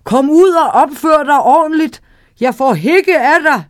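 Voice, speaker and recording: A great whale from a children's story, queasy and fed up with the trouble in its belly. A woman reading aloud puts it on, in a voice set a little lower than her own. The recording is dry and close. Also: a little mellow, no room sound, close to an everyday voice. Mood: complaining. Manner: complaining, pleading. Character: huge queasy male whale.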